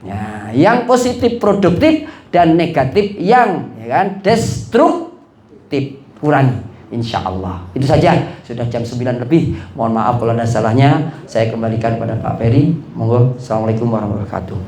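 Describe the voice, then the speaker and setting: A man's voice: medium pitch, big pitch swings, normal speed, a little mellow. A man preaching a religious study talk who poses questions to his audience and answers them himself, with joking asides. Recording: echoey room.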